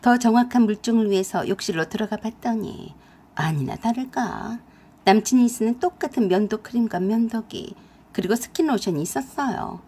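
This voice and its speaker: A woman narrating a dramatic family story in a chatty, expressive way, with a husky voice. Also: a little high, moderate pace.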